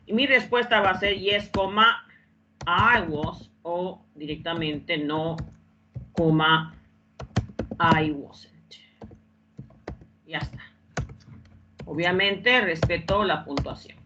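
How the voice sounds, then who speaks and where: A woman's voice: lowish voice, slow, muffled recording, background noise. A woman teaching English in Spanish in an online class, repeating phrases and often checking that students follow.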